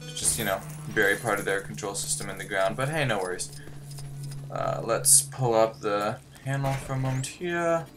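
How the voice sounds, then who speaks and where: A man's voice: fairly low pitch, moderate pace. A man hosting a gaming video with casual, rambling commentary and joking asides. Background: game music.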